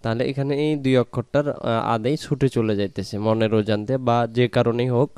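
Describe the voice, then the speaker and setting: A man's voice: medium pitch, fairly even intonation, moderate pace, darkish tone, smooth, no room sound. A man teaching Quran pronunciation, patiently drawing out and repeating each syllable for learners. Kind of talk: slow pronunciation lesson with drawn-out recitation.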